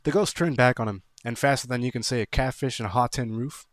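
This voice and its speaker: This man, medium-pitched and lightly acting, voices a folksy country storyteller reading a playful, spooky tall tale aloud. His delivery is animated and folksy, stretching out his similes.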